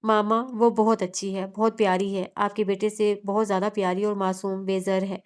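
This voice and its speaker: A woman's voice: mid-range voice, little pitch movement, moderate pace, smooth, close to an everyday voice. Woman voicing a pleading young man. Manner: pleading, apologetic.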